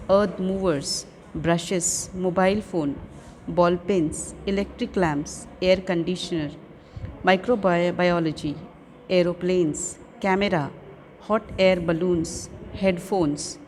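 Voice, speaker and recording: A woman's voice: on the low side, darkish tone, a little hiss or hum. A woman teacher with an Urdu-speaking Indian accent, explaining an English lesson and carefully sounding out English words, repeating each one.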